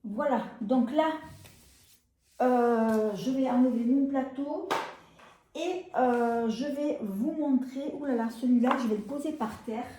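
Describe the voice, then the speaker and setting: A French woman showing makeup on camera, gushing about each product and filling pauses with hesitations and repeated words. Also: high voice, mellow, slight background noise. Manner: gushing, enthusiastic over products. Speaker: beauty vlogger. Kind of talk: casual product demo. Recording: echoey room.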